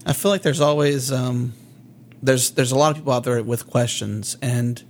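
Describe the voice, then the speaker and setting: A man's voice: medium pitch, moderate pace, a little hiss or hum. Easygoing male podcast co-host. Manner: easygoing, many fillers. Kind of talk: casual podcast conversation.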